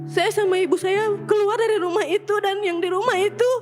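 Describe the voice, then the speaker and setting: Over background music, a woman caller with an extremely high voice tells a painful personal story, speaking briskly in a steady tone. She earnestly begs a preacher for advice in this emotional account and question.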